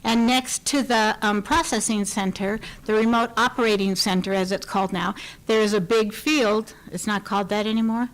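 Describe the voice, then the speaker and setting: A woman giving a public comment at a county board meeting, earnest and explanatory, with frequent pauses to search for words. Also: mid-range voice, fairly even intonation, rough recording.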